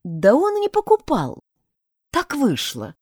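A woman's voice: high voice, huge pitch swings, unhurried, a little mellow, slightly rough, no room sound, clean studio sound, pitched above the performer's own voice, heavily acted. A woman voicing a somber, worried woman in a storybook reading. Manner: somber, reluctant.

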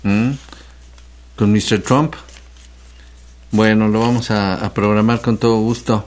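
A man hosting a radio program, giving brief relaxed replies and backchannel sounds. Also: fairly low pitch, slow. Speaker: radio host. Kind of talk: casual radio chat.

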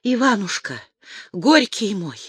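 Man putting on a desperate young woman, tearful, imploring, raised higher, dry close sound. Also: big pitch swings, takes it slowly, fairly bright tone, breathy edge, no room sound, heavily acted. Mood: pleading. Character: grieving young Siberian woman, pleading and desperate.

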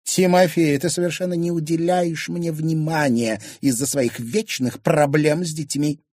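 A man reading an audiobook, voicing a jealous, sarcastic rich wife in a high, shrill, accusing voice. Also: steady tone, a little slow, darkish tone, no echo, clean studio sound. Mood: indignant.

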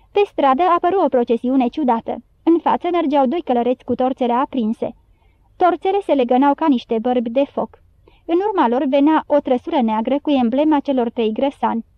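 A woman with a high voice narrates an audiobook in steady, clear storytelling. The recording is close and dry, with a slightly dull, muffled tone. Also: no echo. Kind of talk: scripted narration.

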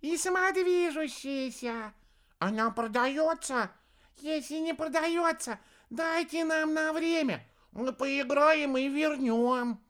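A man voicing a gang of tiny, excited otter-like creature children who chatter in squeaks. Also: slow pace, full character voice.

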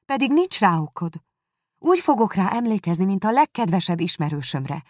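A woman reading a novel aloud, voicing a gentle, forgiving young woman in a soft, pleading manner. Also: low-pitched, lively intonation, creaky, slightly rough, dry recording, studio quality, full character voice.

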